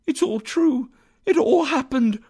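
A man voicing an old male miser who cries out in an excitable, exclamatory way. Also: on the high side, measured pace, creaky, full character voice. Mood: giddy.

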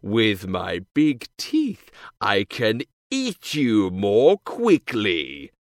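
A man voicing a sly, hungry male wolf in a storybook reading, speaking slowly and low. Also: huge pitch swings, no room sound, studio quality, heavily acted. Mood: sly, menacing. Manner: slow, low, drawn-out scheming voice.

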